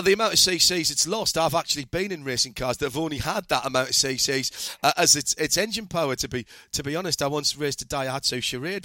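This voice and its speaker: A man's voice: a little high, pushed and bright, dry recording, clean studio sound. A man hosting a motorsport interview, chatty and asking long, rambling questions. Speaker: podcast host, interviewer. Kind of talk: conversational interview.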